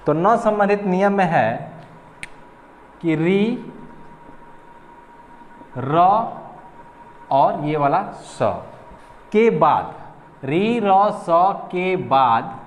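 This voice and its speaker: A male teacher giving a slow board lesson on grammar, repeating and spelling out each syllable. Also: a little high, lively intonation, a little hiss or hum. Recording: echoey room with long reverb.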